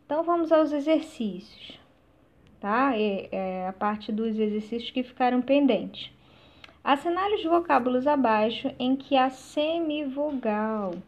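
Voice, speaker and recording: Woman teacher, fairly high voice, slow and halting; dull lo-fi recording. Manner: slow, with many "né?" tag questions and hesitations. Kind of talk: recorded class lesson.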